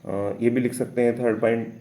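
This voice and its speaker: A man teaching, slowly and patiently explaining English test answers step by step, with frequent fillers. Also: medium pitch, flat delivery, warm tone.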